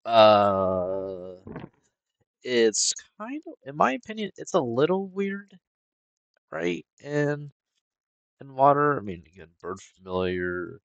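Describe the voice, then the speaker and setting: A man's voice: mid-range voice, wildly swooping pitch, slow, dry recording, muffled recording. A man casually reviewing game cards, rambling with lots of fillers in a laid-back way. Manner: rambling, heavy on fillers and hedges; laid-back, sometimes yawning.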